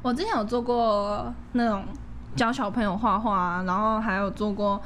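A woman's voice: mid-range voice, steady tone, normal speed, a bit bright, a little hiss or hum. A woman in her twenties with a Taiwanese accent, co-hosting a podcast and telling anecdotes in a playful, casual way. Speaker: podcast co-host.

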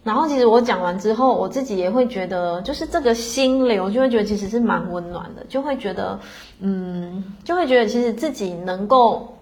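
A woman's voice: medium pitch, a little fast, a little mellow. A middle-aged woman telling a personal story in a casual, chatty way, full of fillers and tag questions. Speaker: podcast host.

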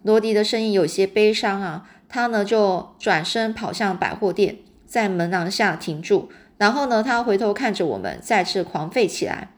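A woman's voice: medium pitch, expressive, normal speed, hardly any pauses. Chatty woman reading a story aloud. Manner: chatty, with frequent fillers and asides. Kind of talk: casual audiobook narration.

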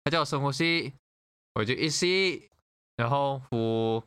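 A man casually telling an animated story in conversation, swearing freely. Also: medium pitch, unhurried, clear, resonant tone, no echo. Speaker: guest sharing a story. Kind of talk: casual chat.

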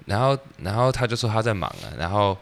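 A man's voice: on the low side, lively intonation, quick pace. A man with a Taiwanese Mandarin accent rambling through a personal story in casual chat, restarting often and swearing. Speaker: podcast co-host telling a story.

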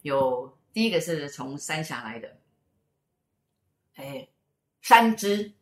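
A woman's voice: deep voice, lively intonation, slow. A middle-aged woman, co-hosting a casual chat show and telling stories in a rambling way, with many fillers and repeated words. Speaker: co-host and spiritual teacher. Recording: roomy echo.

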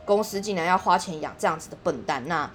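A young woman with a Taiwanese Mandarin accent tells a story in casual chat, indignant and animated. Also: fairly low pitch, fast, faint music behind.

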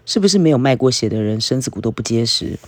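A man's voice: medium pitch, animated, quick pace, dry recording, lightly acted. A man reading as a curious young villager. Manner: curious, questioning.

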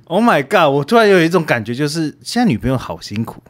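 A man's voice: on the high side, very animated, fast. A man co-hosting a casual chat about movies, laughing often and restarting his sentences. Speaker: podcast co-host.

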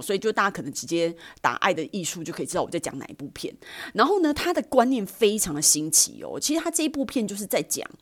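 A woman with a Taiwanese Mandarin accent, hosting a podcast and chattily retelling a film. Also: on the low side. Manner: animated, chatty storyteller. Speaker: podcast host. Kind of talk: casual chat retelling a film.

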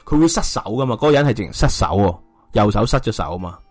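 Fast-talking Hong Kong Cantonese man, close and dry. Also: fairly low pitch, lively intonation, a little mellow, no room sound. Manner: colloquial, speculative, uses rhetorical questions. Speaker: podcast host. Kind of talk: casual true-crime discussion.

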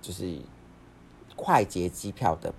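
A young man, hosting a podcast and telling a story in a rapid, rambling way with frequent restarts. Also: low voice, expressive, creaky, slight background noise. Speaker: podcast host. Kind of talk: casual storytelling.

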